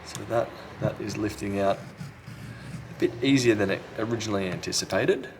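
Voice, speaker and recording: A man who is a repair technician and video host presents a hands-on repair tutorial indoors at a repair workbench, talking casually and unscripted as he thinks aloud while working. His voice is fairly low at a normal speed, with a noisy background.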